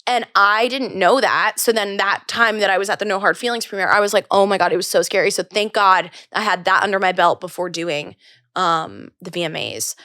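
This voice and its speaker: A young woman in her twenties, a podcast guest chatting casually, excitable, often gasping and acting out quotes, with lots of fillers. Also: medium pitch, brisk, no echo, studio quality. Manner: excitable, gasps and acts out quotes, many fillers. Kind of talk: casual chat.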